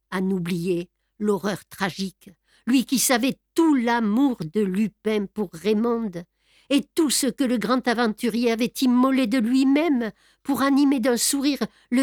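A woman narrating a classic novel as an audiobook, with a dramatic, measured delivery. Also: mid-range voice, dry recording, clean studio sound. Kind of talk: expressive reading of a classic novel.

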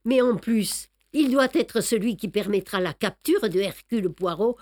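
A woman reading a novel aloud in steady, measured narration and adding short commentary. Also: medium pitch, dry recording, clean studio sound. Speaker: audiobook reader.

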